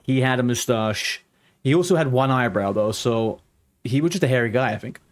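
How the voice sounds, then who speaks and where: A man in his thirties with a mild, worn-down, softened London accent rambles loosely and chattily while answering viewers as a game streamer in a casual live-stream chat. His mid-range voice has lively intonation and a normal speed.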